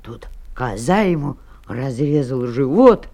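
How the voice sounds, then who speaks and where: A woman reading a folk tale aloud as a storyteller, expressive and melodic. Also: very deep voice, measured pace.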